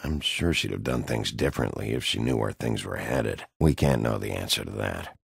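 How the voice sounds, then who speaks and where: An actor playing a gruff, brooding wolf detective in a video game, with a gravelly, husky low voice and a terse, dry delivery. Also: male voice, normal speed, dry recording, exaggerated voice. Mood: brooding, investigative. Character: gruff, brooding big bad wolf detective, adult man, dogged. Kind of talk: video game dialogue acting.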